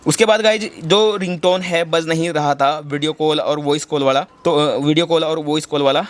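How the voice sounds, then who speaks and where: A man's voice: on the high side, fairly even intonation, normal speed. A young man hosting a step-by-step phone settings tutorial, speaking instructively, repeating each step and calling his viewers guys. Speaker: tech tutorial host.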